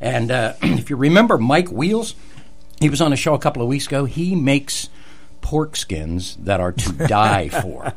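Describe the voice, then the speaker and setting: A man hosting a radio talk show, folksy and quick to laugh. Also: medium pitch, sing-song, faint music behind.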